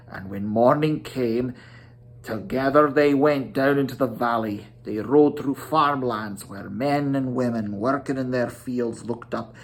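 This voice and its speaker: A storyteller giving a dramatic storybook reading, with theatrical, weighty delivery and drawn-out emphasis. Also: mid-range voice.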